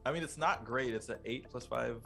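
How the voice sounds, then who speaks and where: A woman playing a tabletop game, talking casually with lots of halting restarts and some swearing. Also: a bass voice, gravelly, fairly bright tone, soft background music. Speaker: player. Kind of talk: casual tabletop role-play.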